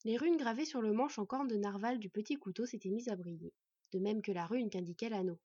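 A woman narrating a fantasy audiobook in an even, measured reading. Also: medium pitch, husky, dry recording, lo-fi sound.

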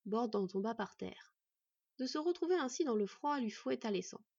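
Breathy woman narrating a storybook. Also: on the high side, lively intonation, moderate pace, mellow, dry recording, dull audio. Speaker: audiobook narrator.

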